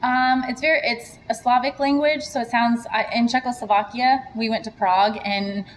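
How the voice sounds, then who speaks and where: A woman from Serbia, a guest entrepreneur, talks openly and chattily about family and work. Her voice sits somewhat high for a woman, with a faint ambient hiss behind it. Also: steady tone, normal speed, low-quality recording. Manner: candid, chatty. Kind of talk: casual interview chat.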